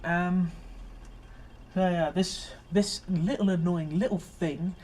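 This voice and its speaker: A man's voice: high-pitched, fairly even intonation, slow pace, a little mellow, slight background noise. A man giving a casual, rambling overview of an episode as host of his fan series, full of fillers and restarts.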